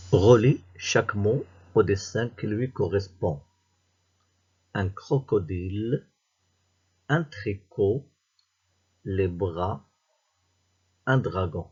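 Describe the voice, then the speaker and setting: A man with a Moroccan French accent, reading a worksheet aloud to young pupils as their teacher, slowly and deliberately, word by word. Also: fairly low pitch, darkish tone, husky, muffled recording. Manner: slow and deliberate, reading words and syllables one by one. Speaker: primary school teacher.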